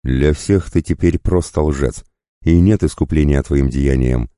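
A man voicing a cold, vengeful woman who condemns a traitor, speaking slowly and intoning each word. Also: rumbling low, dark tone, smooth, dry recording, clean studio sound. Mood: condemning.

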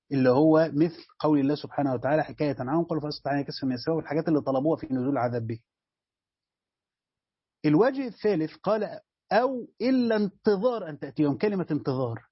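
Husky Egyptian male teacher, fast-paced. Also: a little high, no room sound, highs cut off. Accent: Egyptian Arabic. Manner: explains step by step, repeats words, addresses students directly. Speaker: Islamic studies teacher. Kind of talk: lesson commentary on a tafsir text.

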